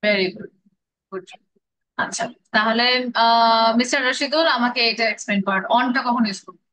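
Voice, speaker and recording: A woman's voice: a little high, normal speed, a bit bright, low-quality recording. A woman with a Bangladeshi accent teaching an English grammar class, drilling pronunciation and mixing English phrases into her explanations.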